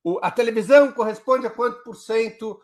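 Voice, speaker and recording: A man's voice: very high voice, fairly quick. A man with a Brazilian Portuguese accent, a guest commentator explaining politics live on a talk show in an emphatic, step-by-step way.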